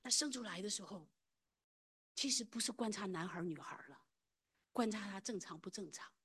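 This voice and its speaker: A woman's voice: mid-range voice, lively intonation, brisk, fairly bright tone, husky. A middle-aged woman telling a personal faith testimony in an earnest, emotional way, often sinking to a near whisper. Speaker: church member giving a testimony.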